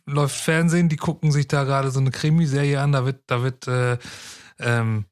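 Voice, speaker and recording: A man's voice: mid-range voice, steady tone, fairly quick, clear, resonant tone. A man telling crude jokes in a casual round with friends, laughing at his own punchlines. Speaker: joke teller.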